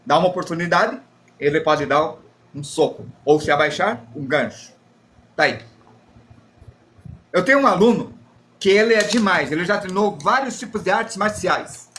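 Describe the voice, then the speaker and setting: A man's voice: high-pitched, lively intonation, normal speed, pauses often, a bit bright, slight background noise. A Brazilian man teaching a live drawing class, chatty and self-deprecating as he explains while drawing and answers chat. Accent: Brazilian Portuguese.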